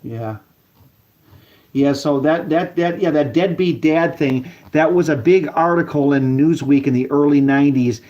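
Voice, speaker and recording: Over a dull, lo-fi phone line, a man chats casually, agreeable and rambling, often starting his sentences over. His pitch is fairly high, his pace measured, and his tone slightly mellow.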